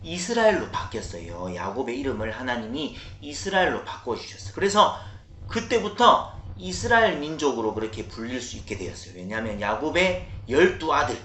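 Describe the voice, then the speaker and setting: A man preaching to children as a children's pastor, lively and coaxing, asking them questions. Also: medium pitch, brisk. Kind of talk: children's sermon. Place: church room. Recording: roomy church echo, faint noise.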